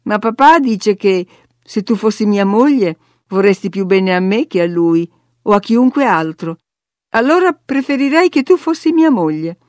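A woman's voice: medium pitch, expressive, moderate pace, dry recording, studio quality, close to an everyday voice. A woman voicing a sickly, spiteful boy who whines and taunts in a sing-song way, in a read-aloud story. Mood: wheedling.

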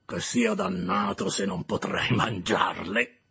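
A man reading an audiobook and voicing a menacing, ragged male convict who growls slow threats. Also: medium pitch, very animated, bright, forceful tone, exaggerated voice. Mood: gloating. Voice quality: gravelly, growling. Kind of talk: audiobook character voice.

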